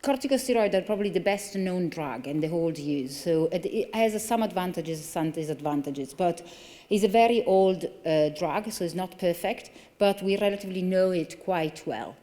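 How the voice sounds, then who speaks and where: A consultant neurologist, an Italian woman, presents a conference lecture through a lectern microphone, her words echoing with the long reverb of a large hall. She explains things earnestly at a moderate speed in a mellow, lowish voice, frequently pausing with fillers and starting over.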